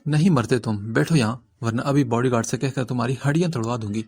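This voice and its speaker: Reading an audiobook, a man voices a tearful, hot-tempered young woman who cries one moment and threatens the next. His voice has a darkish tone with a breathy edge, and her sobbing complaints turn into shrill, bossy threats.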